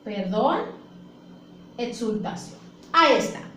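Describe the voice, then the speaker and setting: Explaining a classroom lesson at a relaxed pace, a patient primary school teacher repeats key points and checks in with questions. Her high voice is lively, pushed and bright, rising and falling a lot, in an echoey room with faint ambience and slight background noise.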